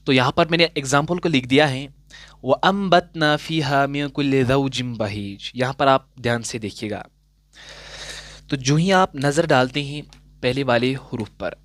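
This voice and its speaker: A man teaching Quran recitation rules in a patient classroom style, asking questions and answering them himself, and slowing down to recite example verses. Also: mid-range voice, a bit bright, dry recording. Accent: Urdu-inflected Hindustani. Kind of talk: classroom-style tajweed lesson.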